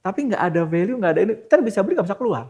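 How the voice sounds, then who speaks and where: A man's voice: high-pitched, lively intonation, racing, darkish tone, slightly rough. A middle-aged man talking casually as a podcast guest, explaining things with lists and rhetorical questions. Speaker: stock market guest.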